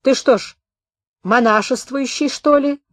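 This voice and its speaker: A woman voicing a puffy-faced wounded soldier, a hoarse man who speaks bluntly and roughly. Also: medium pitch, expressive, normal speed, no echo, close to an everyday voice. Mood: gruff.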